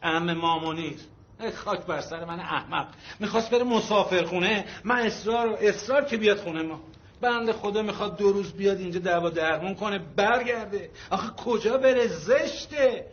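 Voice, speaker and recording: A middle-aged family father in a comedy film, high-pitched and endlessly polite. He gushes and coaxes. The sound is muffled and lo-fi with a faint hiss. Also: a bit bright. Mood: coaxing. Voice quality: effusive, fussy politeness.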